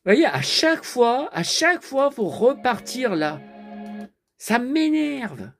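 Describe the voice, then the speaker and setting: A man's voice: extremely high pitch, big pitch swings, a little slow, a bit bright, soft background music. A man giving a casual running commentary while watching a DVD, chatty, often turning to his viewers and muttering to himself when flustered. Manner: chatty, keeps addressing viewers with tag words. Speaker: vlogger reviewing a DVD.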